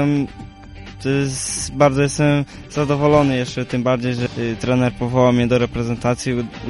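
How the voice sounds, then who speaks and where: A man's voice: medium pitch, a little mellow. A young man, a junior rider, giving plain brief answers in a post-race interview.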